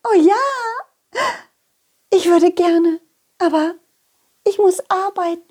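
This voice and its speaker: A woman voicing a cheerful, giggly female donkey with a high, gushing voice. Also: animated, slow, a little mellow, full character voice. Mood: eager.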